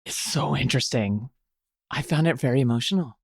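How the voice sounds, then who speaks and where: A man co-hosting a podcast in a medium-pitched voice. He asks curious questions and jumps in with quick follow-ups. The sound is dry and close, with no room echo. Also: vocal fry, breathy edge. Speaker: podcast co-host.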